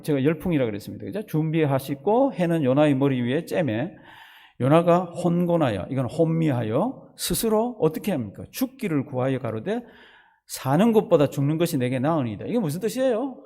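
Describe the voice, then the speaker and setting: Male pastor preaching, chatty, keeps asking the crowd questions, mellow voice. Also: on the high side. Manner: animated, conversational, rhetorical questions. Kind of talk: sermon.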